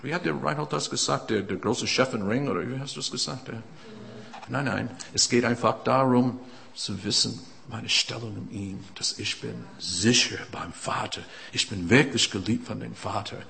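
A man delivers a sermon in carefully built, non-native German, pausing and restarting as he searches for phrasing. His voice sits in a mid range. It swells to loud emphasis and then drops back to a quiet, reflective tone. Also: medium pitch, gravelly. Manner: earnest, swings between loud emphatic peaks and quiet reflective passages. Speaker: preacher.

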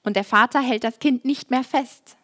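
Lively woman preaching a sermon. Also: high voice, moderate pace. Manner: lively, humorous, conversational.

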